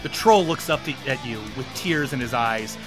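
A man working as game master, improvising dramatic and animated narration for a tabletop game. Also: medium pitch, moderate pace, over music.

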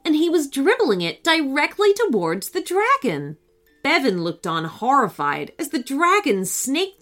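A woman narrating a children's story in an expressive, animated way. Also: on the high side.

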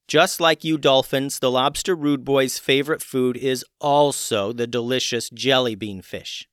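A man voicing a bold young mermaid heroine who makes loud, insistent demands in a storybook tale. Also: mid-range voice, steady tone, unhurried, smooth, no echo, clean studio sound, lightly acted. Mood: urgent.

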